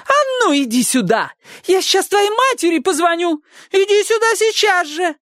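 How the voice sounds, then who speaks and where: A man voicing a shrill, spiteful elderly woman neighbor who scolds and gloats in a squealing voice. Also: big pitch swings, moderate pace, a bit bright, no room sound, full character voice. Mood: shrieking. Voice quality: shrill, shrieking.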